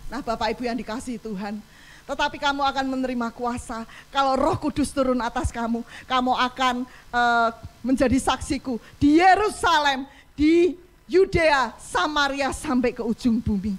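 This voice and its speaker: A woman's voice: sits high, normal speed. A woman pastor preaching a passionate sermon in church, acting out pleading cries for help. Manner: impassioned, acts out cries for help.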